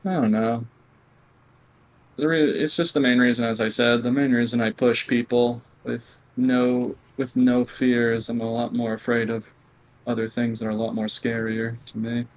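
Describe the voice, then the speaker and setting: Flat-voiced blunt young gamer man. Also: medium pitch, rough recording. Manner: blunt, halting, earnest; quiet, near whispering at times. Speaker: interview guest, competitive gamer. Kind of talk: candid conversational interview.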